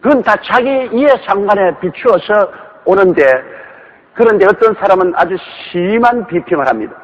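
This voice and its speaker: A man's voice: sits high, animated, moderate pace. A male pastor preaching a sermon emphatically, with many rhetorical questions, in a dull, reverberant recording.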